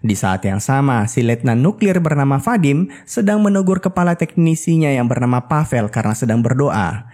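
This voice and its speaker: A man's voice: medium pitch, very animated, normal speed, a little mellow. Man narrating a film recap. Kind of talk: scripted storytelling narration with casual asides.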